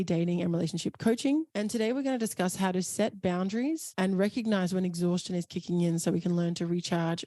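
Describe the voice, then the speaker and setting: A woman's voice: lowish voice, warm tone, dry recording, studio quality. A woman hosting a podcast interview in an earnest, conversational way, with hesitant fillers. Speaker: podcast host.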